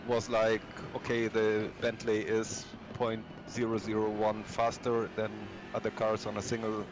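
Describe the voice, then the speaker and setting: A man chatting casually as a teammate during a sim race. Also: fairly low pitch. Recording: clear engine noise behind voice. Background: racing car sounds.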